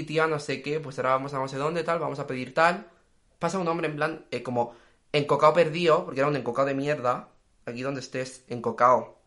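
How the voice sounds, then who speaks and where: Young male podcaster, rapid and chatty. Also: a little high. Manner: fast, slangy, animated storytelling. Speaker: podcast co-host. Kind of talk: casual chat.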